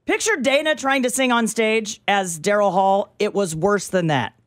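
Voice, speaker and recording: Co-hosting a radio show from a studio, a woman with a medium-pitched voice reads police scanner reports at normal speed in a dry, matter-of-fact dispatcher style, trading banter in between. Her studio microphone picks up no room sound.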